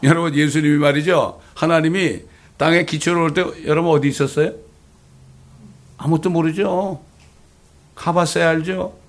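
A man's voice: on the high side, steady tone, moderate pace, pauses often. A man preaching a sermon as pastor, with rhetorical questions and dramatic quoted lines. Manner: preaching with dramatic voiced scripture quotes and English phrases.

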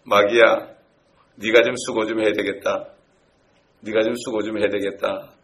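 A man's voice: lowish voice, flat delivery, moderate pace, fairly bright tone, a little hiss or hum. A man playing God, stern and commanding. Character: God speaking to the devil, male, stern.

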